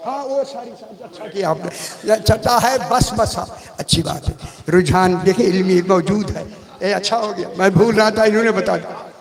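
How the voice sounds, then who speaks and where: Brief: male religious scholar, high pitch, chatty storytelling delivery, long hall echo. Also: normal speed, vocal fry, crowd noise. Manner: conversational storytelling, addresses the audience directly. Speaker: religious scholar giving a majlis sermon. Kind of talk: Urdu majlis sermon with anecdotes.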